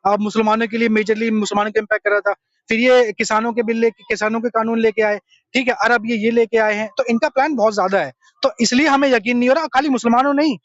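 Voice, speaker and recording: A man's voice: extremely high pitch, fairly bright tone, dry recording. A young man giving an earnest, step-by-step explanation in a street interview, mixing in English terms. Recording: dull lo-fi sound.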